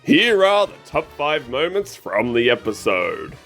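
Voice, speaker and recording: Lively male episode-review host. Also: on the high side, a little slow, soft background music. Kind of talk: scripted narration, review.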